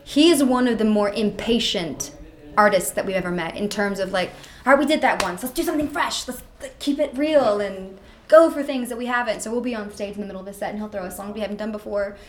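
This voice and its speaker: A young woman in her twenties chats easily in a backstage interview. She's upbeat and talkative, tossing off quick asides as she goes. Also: medium pitch. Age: 20s. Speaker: musician guest. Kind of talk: casual interview chat. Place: backstage at a theater.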